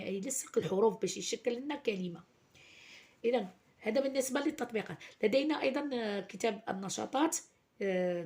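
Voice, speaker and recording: Woman, teacher explaining early reading lessons, halting and explanatory. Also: fairly high pitch, darkish tone. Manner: explanatory, many fillers and restarts.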